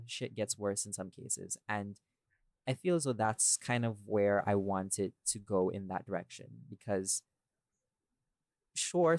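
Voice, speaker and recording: Here a podcast host who makes audio dramas emphatically explains why he made his creative choices, addressing his listeners head-on in a casual setting. His voice sits on the low side, captured in a dry, studio-quality recording.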